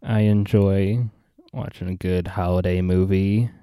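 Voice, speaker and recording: A man hosting a casual comedic chat, laid-back and deadpan, reading out discussion prompts. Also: deep voice, unhurried, clear, resonant tone, dry recording. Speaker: podcast host reading prompts.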